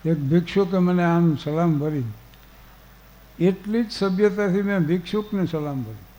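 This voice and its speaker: A man's voice: sits high, unhurried, mellow, poor audio. An older man from Gujarat, telling folksy, humorous stories on stage and working in lines of verse. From Gujarat, India. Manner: folksy, anecdotal, quotes verse. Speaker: storyteller on stage. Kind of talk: humorous storytelling to a live audience.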